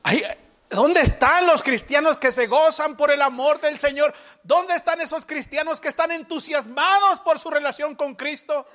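High-voiced male preacher, sermon to the church, fires off rhetorical questions, animated, pokes fun at gloomy believers. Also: moderate pace. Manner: rhetorical questions, repeated for emphasis.

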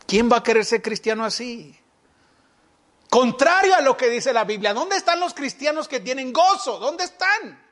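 High-voiced male preacher, sermon to the church, fires off rhetorical questions, animated, pokes fun at gloomy believers. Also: normal speed. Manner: rhetorical questions, repeated for emphasis.

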